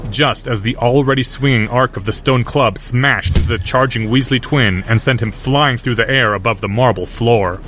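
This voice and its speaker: A man reading audiobook narration in a steady, measured way. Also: mid-range voice, a little hiss or hum.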